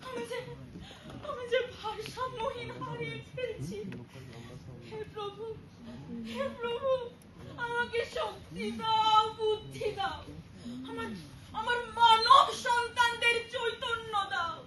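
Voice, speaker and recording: A woman playing a grieving female nature goddess, wailing and pleading slowly on a stage. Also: very high voice, crowd noise. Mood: pleading, sobbing. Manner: wailing, pleading, slow and drawn out. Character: weeping female nature goddess, mother of all life. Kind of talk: stage drama acting. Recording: echoey hall from far off, background noise.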